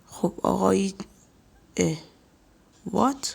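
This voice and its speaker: A man's voice: high-pitched, lively intonation, creaky, a little mellow. A man with a cold giving chatty let's-play commentary, nasal, talking to viewers and scolding the game's characters. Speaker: gaming YouTuber.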